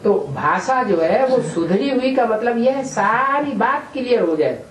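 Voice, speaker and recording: A man's voice: extremely high pitch, animated, measured pace. A man acting as spiritual teacher, answering questions in a patient explaining manner and often checking with a rhetorical question. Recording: echoey room, distant mic, faint hiss.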